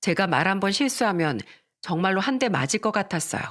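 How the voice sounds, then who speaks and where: A woman narrating a scripted first-person family story at a middle pitch. Her delivery is even and conversational, like a radio story reading. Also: quick pace.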